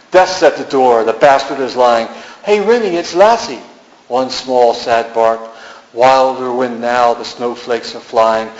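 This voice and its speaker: Musing man reading poems in an echoey gallery. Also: medium pitch. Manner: musing, incantatory delivery with repeated refrains. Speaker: poet. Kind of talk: poetry reading. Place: art gallery. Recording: echoey room, dull lo-fi sound.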